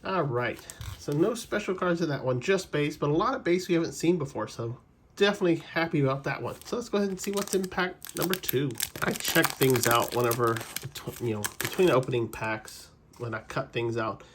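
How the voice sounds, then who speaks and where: A man with a slightly high voice talks his viewers through a pack opening. He drifts into player trivia and stops to correct himself. The tone stays relaxed and conversational throughout. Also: brisk, noisy background. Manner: chatty, rambling trivia asides with self-corrections. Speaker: card-collecting channel host. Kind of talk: casual pack-opening commentary.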